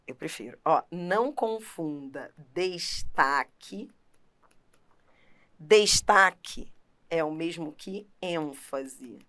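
Uma professora com sotaque brasileiro dando uma aula de gramática animada e enfática, falando direto com o aluno. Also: female voice, sits low, very slow. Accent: Brazilian Portuguese. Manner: animated, emphatic, talks straight to the student. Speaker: teacher. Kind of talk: lively grammar lesson.

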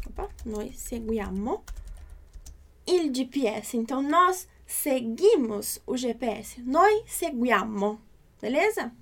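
A woman with a Brazilian Portuguese accent teaching an online language class, patient, checking in often and slowing down to model phrases. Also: sits high. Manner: slows down to model foreign phrases. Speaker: Italian teacher.

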